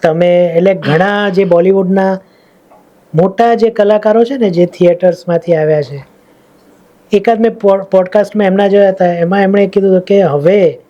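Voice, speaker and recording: A man with a Gujarati accent hosting a podcast, asking calm questions in casual interview chat. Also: sits high, moderate pace, dull audio. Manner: calm questioner, many short "hmm" backchannels. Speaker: podcast host.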